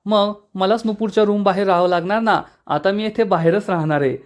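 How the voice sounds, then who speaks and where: A man's voice: high-pitched, brisk, lightly acted. A man voicing a playful lovestruck young husband in a spoken serial recap, with a cheeky manner.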